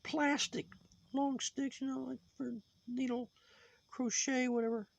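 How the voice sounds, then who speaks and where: A high, reedy sock puppet with a crackly, gravelly edge lectures on and on, moralizing in a judgmental ramble. The sound is dry and close, with no room around it. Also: male voice, flat delivery, a little slow, no room sound, heavily acted. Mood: preachy. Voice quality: high put-on voice.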